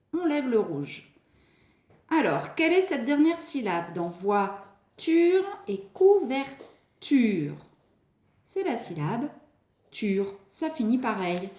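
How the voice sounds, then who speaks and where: A woman teaching a phonics lesson to young children, speaking slowly and deliberately and stretching out key words. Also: fairly high pitch, a little mellow. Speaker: preschool teacher. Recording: echoey room.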